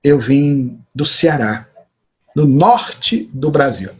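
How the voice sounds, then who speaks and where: A man's voice: medium pitch, drawn-out words, darkish tone. A man doing a shy, troubled young student. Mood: sad. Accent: Brazilian Portuguese. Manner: hesitant, apologetic.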